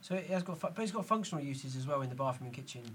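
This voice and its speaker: A man hosting a casual panel discussion, talking quickly with frequent restarts and fillers. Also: mid-range voice, expressive, fairly bright tone, recorded from a distance, slight background noise. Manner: quick, hesitant, many restarts. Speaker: host.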